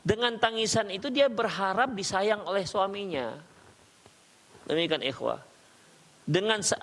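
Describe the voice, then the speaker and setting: A man's voice: sits high, a bit bright. A man giving a religious study lecture as a preacher. He recites Arabic verses and keeps the talk conversational by quizzing his listeners. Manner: conversational, quizzes the audience with questions. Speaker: Islamic preacher teaching a study circle.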